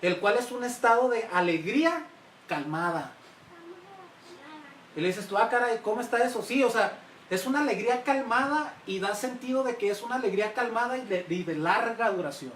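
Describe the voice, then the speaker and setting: A man's voice: sits high, animated, moderate pace, fairly bright tone. A male pastor giving a sermon who keeps turning to the congregation with questions. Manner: engaging, questions the congregation often. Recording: roomy, mic at a distance, faint hiss.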